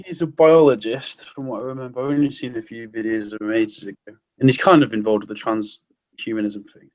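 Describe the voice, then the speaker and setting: A man co-hosts a relaxed podcast and works through ideas slowly, hedging and restarting. His voice sits in the middle range. The audio is muffled and lo-fi. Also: medium pitch. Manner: hesitant, many ums and restarts. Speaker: podcast co-host. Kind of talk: casual chat.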